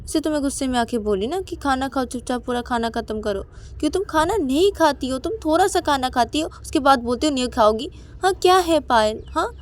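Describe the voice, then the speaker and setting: Brief: woman playing a nagging young woman in a storybook, high and insistent. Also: lively intonation, fairly quick. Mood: scolding. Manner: nagging, ends lines with questioning "haan?". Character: scolding, coaxing young woman partner.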